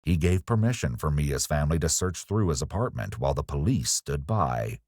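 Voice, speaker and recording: A man reading a scripted true-crime narration in a measured, ominous way. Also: extremely low pitch, animated, a little mellow, no echo, studio quality. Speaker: documentary narrator.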